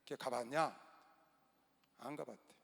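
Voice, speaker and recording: A male pastor preaching a sermon in a large gymnasium, telling a story with sudden loud outbursts and quiet asides. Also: medium pitch, slow pace, gravelly. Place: large indoor gymnasium used as a church hall. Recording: long reverb of a large hall.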